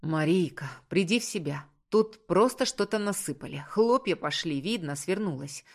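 A calm, protective young man who speaks firmly and gets straight to the point. A woman voices him with a slightly low, steady delivery as she reads. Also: normal speed.

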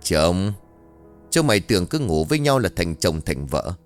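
Menacing young fortune teller for an audio ghost story, low, harsh and hissing, read by a male narrator. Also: big pitch swings, moderate pace, clean tone, soft background music. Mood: scolding.

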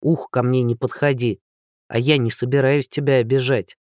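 A man reading an audiobook, voicing Lyosha, a burly, gentle, earnest captain, in a lower, earnest voice. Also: fairly even intonation, normal speed, no room sound, studio quality, natural voice.

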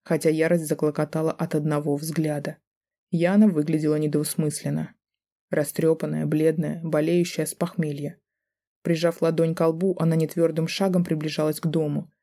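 A man narrating an audiobook in the first person, in a tense, brooding, measured way. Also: on the high side, flat delivery, mellow.

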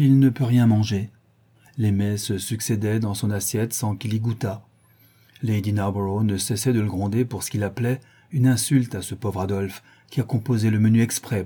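A man narrating a novel as an audiobook, in a measured literary reading with a husky voice. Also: on the low side, mellow. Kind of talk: scripted narration.

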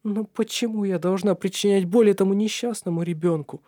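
An anxious young woman in love pleads and frets in a storybook reading, as a man voices her. Her lines sit well above the reader's usual pitch, emotional and trembling. The sound is dry and close. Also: steady tone, a little fast, warm tone, dry recording, lightly acted. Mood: pleading.

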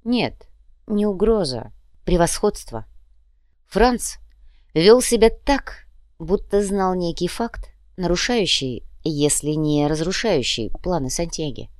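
Low-voiced woman reading an audiobook. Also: darkish tone, no room sound, studio quality. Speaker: audiobook narrator. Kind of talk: audiobook narration of urban fantasy.

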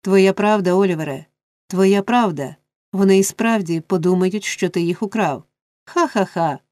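A crafty old man who runs a gang of thieves, sneering and quietly menacing, as a woman reader voices him. The voice stays mellow and the sound dry and close. It is a storybook reading. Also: medium pitch, moderate pace, dry recording, close to an everyday voice. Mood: gloating. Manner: sneering, mocking. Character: sly old male thief boss, mocking and menacing.

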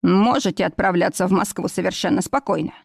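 A polite, steady young man who keeps his phrases short and firm, voiced by a woman narrator in a storybook. the recording is dry and close. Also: fairly low pitch, brisk, creaky, dry recording.

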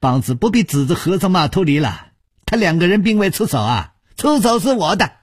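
Man voicing a sly, cackling old villain in a storytelling reading; husky, lively pitch. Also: fairly quick, no room sound, studio quality, exaggerated voice. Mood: cackling taunt. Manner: cackling, wheedling, higher pitched. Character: sneering villainous old male beggar martial artist.

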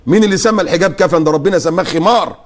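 A man with an Egyptian accent, a guest preacher giving animated commentary and mock-quoting his opponents. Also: sits high, racing. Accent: Egyptian Arabic. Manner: lively, mock-quotes opponents. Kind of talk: animated religious talk-show commentary.

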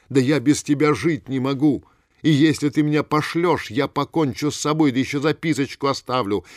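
A man's voice: medium pitch, no room sound, clean studio sound, natural voice. A man voicing a furious jealous young woman. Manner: shouting insults, hysterical.

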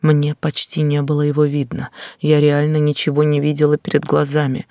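A man narrating a first-person novel in a quiet, intense, often whispered delivery. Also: on the high side, completely flat delivery, fairly quick, no echo, studio quality. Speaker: audiobook narrator.

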